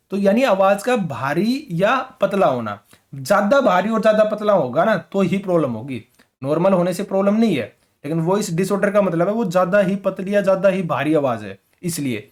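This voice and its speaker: A man teaching an exam-prep lecture in colloquial Hindi with a rural North Indian accent, mixing in English terms and often checking in with "ठीक है?". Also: high voice. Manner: conversational, keeps asking "ठीक है?".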